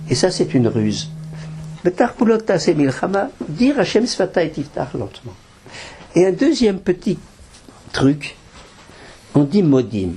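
An older man, a rabbi, teaches a Torah class, explaining things with practical tips and weaving in Hebrew terms. His voice is medium-pitched, dark, and husky.

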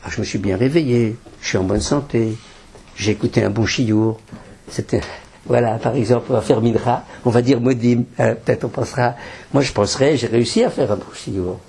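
A man's voice: medium pitch, brisk, creaky, darkish tone, slight background noise. An older man, a rabbi, teaching a Torah class with practical advice and Hebrew terms woven in. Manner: explanatory, practical tips, mixing in Hebrew terms.

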